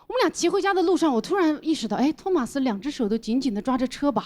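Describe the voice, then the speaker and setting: A woman comedian telling an animated stand-up story and acting out the dialogue. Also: sits high, very fast.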